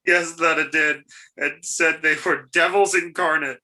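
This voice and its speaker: A man's voice: fairly high pitch, steady tone, unhurried, sharp tone. A man playing a cheeky, teasing companion in a Shakespearean stage style.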